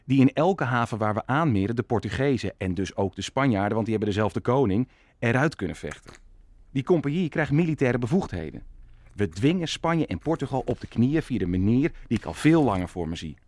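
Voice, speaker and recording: An actor playing an ambitious, calculating prince in a historical radio play, persuasive and commanding. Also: male voice, mid-range voice, lively intonation, fairly quick, a little mellow, lightly acted. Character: scheming Dutch prince, ambitious and calculating statesman. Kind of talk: audio drama acting.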